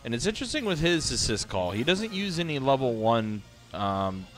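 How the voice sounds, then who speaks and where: A man's voice: medium pitch, big pitch swings, moderate pace, soft background music. A sleepy man casually commentating fighting game matches on a live stream, thinking aloud with many fillers. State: sleepy, yawning.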